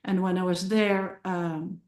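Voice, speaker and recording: A middle-aged Dutch woman, a filmmaker and musician, takes it slowly in a lowish, darkish, level voice as she describes her film in a casual podcast interview. Her Dutch accent comes with frequent restarts and repeated words, and the sound is roomy.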